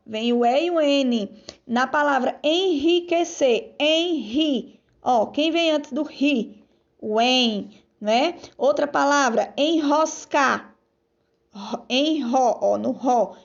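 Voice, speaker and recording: A woman's voice: on the high side, vocal fry. A Brazilian woman teacher giving a recorded lesson to children, patiently repeating sounds and syllables. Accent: Brazilian Portuguese. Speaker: primary school teacher. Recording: dull lo-fi recording.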